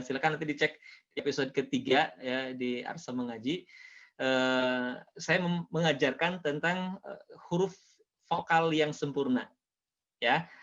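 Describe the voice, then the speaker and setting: A man teaching Quran recitation on a video call, patiently correcting sounds by repeating them slowly. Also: medium pitch, a bit bright, dull audio. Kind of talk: online recitation lesson.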